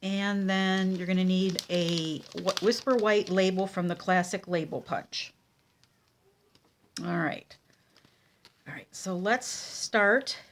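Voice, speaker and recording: A woman with a cold gives a casual card-making tutorial at her craft table, her voice nasal and congested. She speaks at medium pitch with many ums and pauses. A little hiss or hum sits in the recording.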